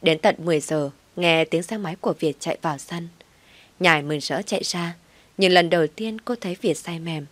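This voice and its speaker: A woman narrating a family drama story in expressive audiobook style. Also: fairly low pitch, a little fast, no echo.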